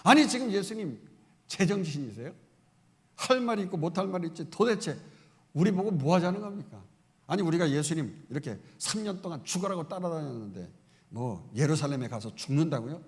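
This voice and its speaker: An indignant, rough-handed fisherman , played by a preacher, protesting loudly with a gravelly edge. His words ring through the long reverb of a church hall. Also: fairly high pitch, animated, a little fast.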